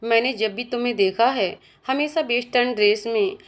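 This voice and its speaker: A woman's voice: on the high side, normal speed, lightly acted. A woman doing a teasing young man. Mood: admiring. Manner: teasing, bantering delivery.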